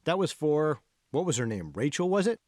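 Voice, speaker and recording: A man voices a confident young college friend in audiobook dialogue, prodding and persuading like an insistent coach. His fairly high, darkish voice is very animated at normal speed, recorded studio-clean with no room sound.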